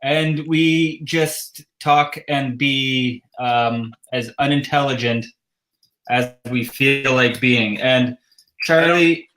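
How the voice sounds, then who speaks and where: A man's voice: medium pitch, takes it slowly, a bit bright. A Canadian man with a slight lisp, hosting a casual livestream chat and rambling with frequent chuckles. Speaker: host.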